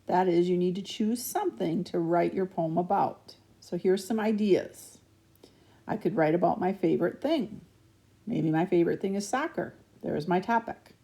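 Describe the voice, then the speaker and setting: A young woman records a lesson for young students, talking them patiently through slides. Her voice is mellow and warm with a gravelly edge of fry. She keeps checking in with a gentle "okay?". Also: lowish voice, normal speed. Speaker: elementary school teacher.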